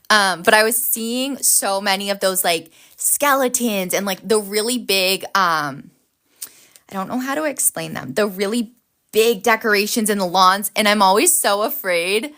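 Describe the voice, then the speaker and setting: A woman's voice: medium pitch, normal speed, a bit bright. A woman hosting a casual planner livestream, chatty and upbeat, reacting to viewers' comments while she decorates.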